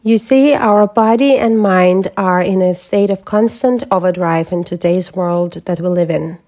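Calm, mellow-voiced woman podcast host. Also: fairly low pitch, measured pace. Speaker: podcast host and holistic health coach. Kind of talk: scripted solo podcast talk.

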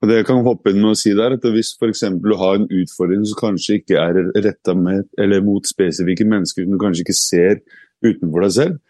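A man's voice: sits low, steady tone, warm tone, no echo, studio quality. A man co-hosting a podcast, telling a personal story with energy and acting out the voices in his head. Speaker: podcast co-host. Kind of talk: casual podcast chat.

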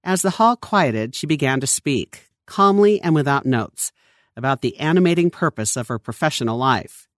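A narrator giving an expressive scripted reading of a long-form news feature article. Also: medium pitch, normal speed, no room sound, clean studio sound.

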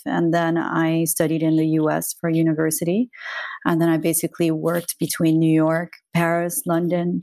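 A woman's voice: on the low side, darkish tone, dry recording, clean studio sound. A woman in her forties, from Iran, telling her story as an interview guest in a reflective, thoughtful way. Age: 40s. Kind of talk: conversational interview.

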